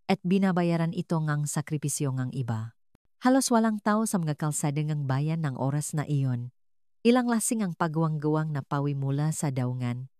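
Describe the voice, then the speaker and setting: A woman narrating a dramatic first-person story in an earnest, measured manner. Her voice sits low, and the recording is dry with no room sound. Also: darkish tone, smooth, no echo.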